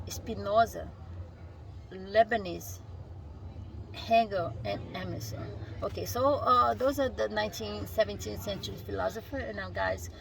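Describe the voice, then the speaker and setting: A vlogger, a native Portuguese speaker with a Brazilian accent, sits on a rock outside reading a self-help book in a creaky, mid-range voice. She stumbles, restarts words, reads haltingly and adds casual asides, and the poor recording has a little hiss or hum.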